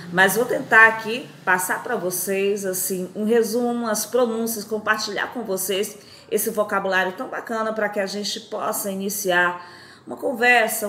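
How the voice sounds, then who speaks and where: A teacher in her forties from Fortaleza, speaking in a mid-pitched, tired-sounding voice. She says each English phrase slowly, then repeats it. The recording rings with room echo. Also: fairly bright tone, a little hiss or hum. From Fortaleza, Brazil. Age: 40s. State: tired, strained voice. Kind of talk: recorded lesson.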